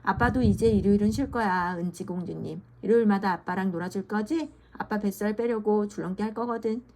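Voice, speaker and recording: A woman voicing a weary, affectionate father resting in bed, speaking quietly and tenderly. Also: mid-range voice, brisk, natural voice.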